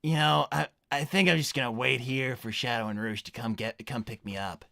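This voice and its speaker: A man's voice: mid-range voice, steady tone, a little fast, vocal fry, pushed and bright, no echo, clean studio sound. A man voicing an anxious, well-meaning young hedgehog hero in improvised livestream roleplay, hesitant and stammering as he rambles reassurances. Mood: uneasy rambling. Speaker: livestream performer answering donor messages.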